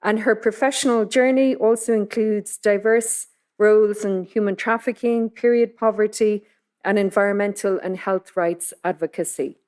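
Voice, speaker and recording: Woman chairing a panel, measured formal introductions with ums. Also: mid-range voice, steady tone, a little mellow. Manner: measured, with frequent fillers.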